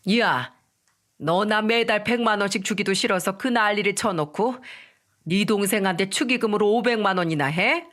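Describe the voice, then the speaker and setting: A woman reading a story aloud and voicing an older mother-in-law who shouts harsh accusations. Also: mid-range voice, normal speed, close to an everyday voice. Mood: furious.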